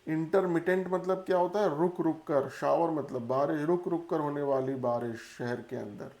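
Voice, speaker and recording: A man's voice: a little high, moderate pace, darkish tone, roomy sound. A man teaching an exam-prep English lesson in Hindi, spelling out words letter by letter. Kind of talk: classroom-style lesson.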